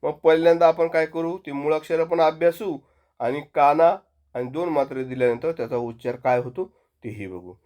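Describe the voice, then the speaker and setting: A man, a primary school teacher, giving a slow, patient recorded lesson to young children and drilling them to repeat sounds after him. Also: fairly high pitch, a little mellow. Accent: Marathi.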